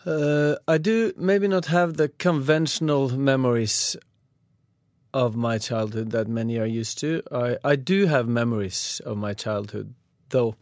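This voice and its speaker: A man from Norway with a Norwegian accent recounts his past in a hesitant, halting way, often searching for words. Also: medium pitch, darkish tone, no echo, clean studio sound. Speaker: interviewee. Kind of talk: personal account.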